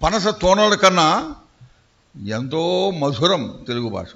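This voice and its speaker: Man preaching, bright voice, a bit high, muffled lo-fi sound. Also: slow, creaky. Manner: animated, acts out voices and asks the congregation questions. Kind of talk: storytelling sermon.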